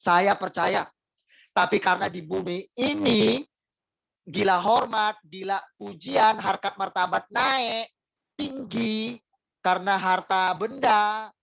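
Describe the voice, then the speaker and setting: A male pastor with an Indonesian accent delivers a sermon in a gravelly, fry-edged voice. He speaks directly to his congregation, asking rhetorical questions and repeating key phrases. The recording is dry, with no room sound. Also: high voice, slow, a bit bright, no room sound, poor audio.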